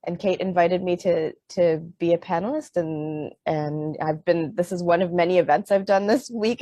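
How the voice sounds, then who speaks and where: Here a middle-aged Canadian author from Vancouver, sitting on a panel, speaks in a mellow voice on the low side, with no echo. Fillers and restarts run through her remarks, and then she reads aloud from her own book.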